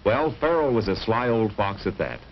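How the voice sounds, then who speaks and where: A man with a lowish, animated voice narrates a vintage 1950s educational film at a normal speed. His scripted delivery is dramatic storytelling with rhetorical emphasis, heard on a muffled, hissy old soundtrack.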